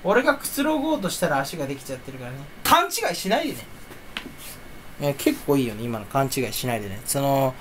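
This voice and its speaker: A man's voice: mid-range voice, lively intonation, very fast, few pauses, slight background noise. A young man chatting casually to camera at his computer at home, rambling and talking to himself in a jumpy, self-mocking way. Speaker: video creator. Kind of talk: casual solo chat while browsing online. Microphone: desk or headset mic, face on camera.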